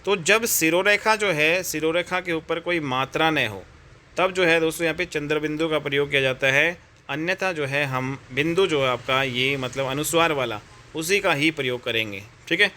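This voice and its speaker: A man's voice: a little high, moderate pace, sharp tone. An Indian man teaching an exam-prep Hindi grammar lesson, chatty and repetitive, often calling his viewers friends and brother.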